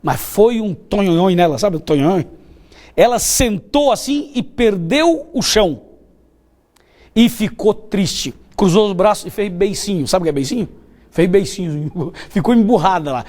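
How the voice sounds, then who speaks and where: A man's voice: sits high, a little mellow. A man with a Brazilian Portuguese accent, preaching a televised sermon as a pastor, telling stories in a conversational way and asking his listeners questions.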